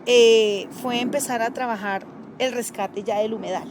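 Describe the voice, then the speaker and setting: A woman's voice: on the high side, normal speed, background noise. A middle-aged Colombian woman, a community leader, telling stories in an interview and acting out the dialogue. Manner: animated, acts out quoted dialogue. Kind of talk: interview storytelling.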